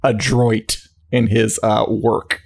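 A man's voice: fairly low pitch, little pitch movement, takes it slowly, gravelly, breathy edge. A man hosting a podcast, chatting casually. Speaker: podcast host. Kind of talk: casual chat.

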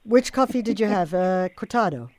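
A woman's voice: mid-range voice, lively intonation, moderate pace, a little mellow, no room sound. A woman radio host teasing and bantering playfully with her guest in a radio interview.

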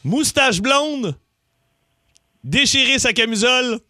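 A man's voice: extremely high pitch, lively intonation, slow pace, sharp tone, no echo, studio quality. A middle-aged man with a Québécois French accent hosting a radio morning show, running a quiz with playful, teasing banter and frequent laughs.

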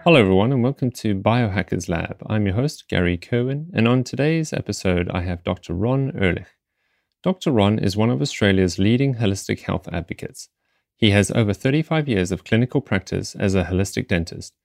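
Deep, gravelly male podcast host. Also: expressive, fairly quick, darkish tone, dry recording, studio quality. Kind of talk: podcast interview.

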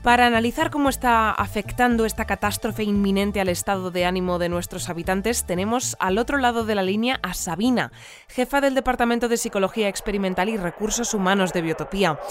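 An actress voices a composed, serious female radio newsreader for a sci-fi community in a fiction podcast, reading a scripted news bulletin in a formal, measured, unflappable way. Her natural voice is mid-range, recorded in a dry studio over a music bed.

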